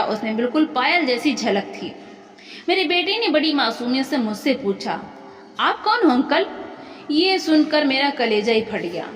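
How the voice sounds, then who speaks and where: A woman narrating an emotional story in a heartfelt first-person way. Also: high-pitched. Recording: echoey room with long reverb.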